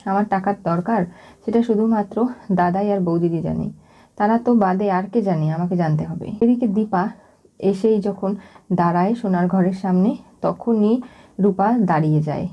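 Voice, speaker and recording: A woman's voice: medium pitch, moderate pace. Woman retelling a serial, dull lo-fi sound. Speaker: narrator recapping a TV serial. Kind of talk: storytelling recap, voicing all characters in one plain voice. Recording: dull lo-fi audio.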